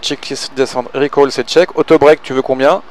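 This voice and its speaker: A man's voice: mid-range voice, fairly even intonation, normal speed, a little mellow. A man working as a pilot, calling out checklists and casually coaching, often thinking aloud between clipped callouts. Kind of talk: cockpit callouts and casual instruction.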